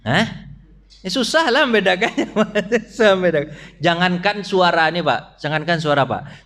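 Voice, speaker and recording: A high-voiced man preaching to a mosque congregation, with an Indonesian accent and Malay-style phrasing. He keeps turning to the listeners with quick questions and acts out small sounds and voices. His delivery swings between loud, lifted peaks and low, quiet asides. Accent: Indonesian with Malay-style colloquialisms. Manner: asks the congregation frequent questions, addressing them as "Pak". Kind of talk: mosque dawn study sermon. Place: mosque hall.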